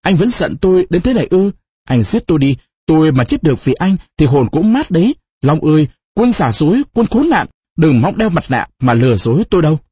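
Storybook role: heartbroken young woman, biting and tearful, read by a man in a lifted voice, animated. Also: mid-range voice, moderate pace, breathy edge, no echo, dull audio. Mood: sobbing accusation. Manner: sobbing, accusing, sharp. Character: young woman, tearful and bitter, lashing back. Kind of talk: audiobook character reading.

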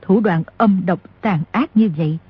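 A woman's voice: medium pitch, moderate pace, breathy edge, pitched below the performer's own voice. A woman voicing a grave, stern older Buddhist nun with a solemn, reproving manner, in a slightly dull recording.

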